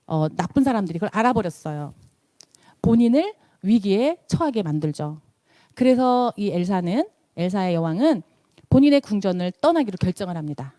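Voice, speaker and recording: Middle-aged woman, motivational talk, lively storytelling voice, dry close sound. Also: normal speed, dry recording. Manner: storytelling, acts out quotes with big swings in pitch. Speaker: invited seminar speaker. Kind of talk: motivational speech.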